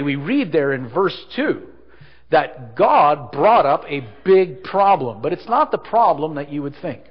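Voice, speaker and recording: A man's voice: fairly high pitch, breathy edge. A man preaching a sermon as pastor, his voice ringing with big hall echo in a large room. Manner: earnest preaching with strong stresses and drops. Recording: echoey hall, slightly dull sound.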